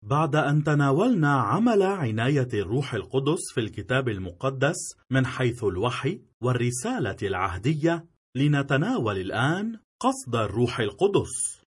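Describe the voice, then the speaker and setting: A man narrates a scripted theology lesson at a measured, formal pace. His voice is husky, and his pitch rises and falls with a lot of life. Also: sing-song. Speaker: lecturer narrating a theology course.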